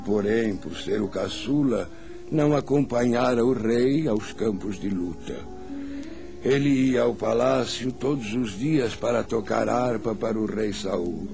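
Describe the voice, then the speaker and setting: An older man narrating a Bible story for children as a grandfather, solemn and deliberate, in a dramatic storyteller's way. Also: lowish voice, vocal fry. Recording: music under the voice.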